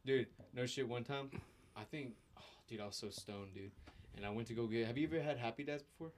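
A man's voice: mid-range voice, fast talker. A man in a podcast chat, telling stories animatedly and laughing often. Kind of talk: casual chat.

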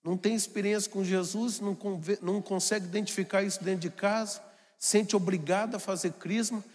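A man preaching a homily with an animated, storytelling manner. His voice sits high for a man. Long reverb from the church rings behind him. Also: brisk. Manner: animated, acts out family scenes in put-on voices. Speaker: priest.

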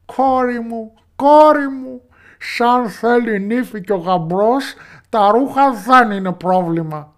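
A man voicing a boastful, ragged goblin father in a storybook tale, calling out loudly and coaxingly. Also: very high voice, pitched above the performer's own voice. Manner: loud coaxing calls.

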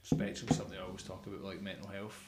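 A man's voice: sits low, flat delivery, fast, very noisy. A young man hosting a casual music podcast, rambling enthusiastically with many fillers. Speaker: podcast host. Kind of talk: casual chat about music. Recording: echoey room.

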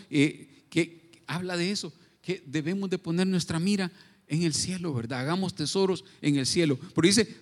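A man preaching a sermon in a conversational way, often asking for agreement and restarting his phrases. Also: a little high. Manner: conversational, frequent tag questions and restarts. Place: church. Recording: long reverb of a church hall.

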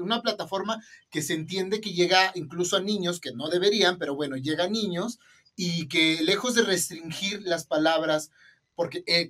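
A man hosting, interviewing in a measured, earnest way. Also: high voice, a bit bright, distant mic.

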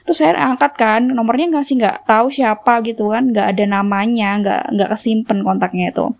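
A woman's voice: fairly high pitch, a little fast, vocal fry, lo-fi sound. A young woman vlogger telling a personal story in a casual, chatty way, full of fillers and little laughs.

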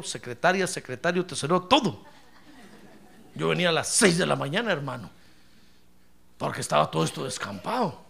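A middle-aged man preaches with a high, very bright voice and a gravelly edge. He tells stories in a lively, sweeping way. He calls his listener brother and moves from near-whispers to loud praise. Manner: animated storytelling, addresses listener as brother, swings from hushed to shouting. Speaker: pastor. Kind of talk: sermon with anecdotes.

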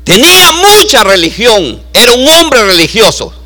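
A man preaching a sermon to a church, swinging from low asides to loud preaching. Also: big pitch swings, a little slow. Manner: acts out voices in his story.

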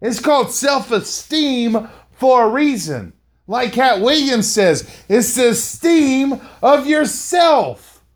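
A man's voice: extremely high pitch, animated, takes it slowly. A middle-aged man hosting a podcast, giving a motivational monologue, repeating lines for emphasis and often calling the listener "man". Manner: slangy, says "man" often. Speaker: podcast host and motivational speaker.

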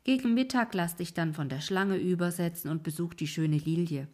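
A woman voicing a calm, kindly old man in a fairy-tale reading, speaking low and unhurried. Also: close to an everyday voice.

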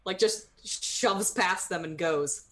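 A woman casually describing her character's actions in a tabletop game, halting as she searches for words. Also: lowish voice, bright, forceful tone.

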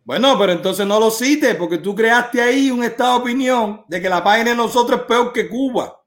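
Man, high voice, insistent, lecturing, argumentative host. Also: a little fast. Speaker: host of a live stream. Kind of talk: live stream debate with a caller.

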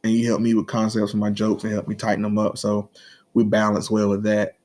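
A man's voice: fairly low pitch, completely flat delivery, brisk, darkish tone. A man, co-hosting a podcast in loose, profane, joking casual chat and slurring his words. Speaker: podcast co-host, comedian.

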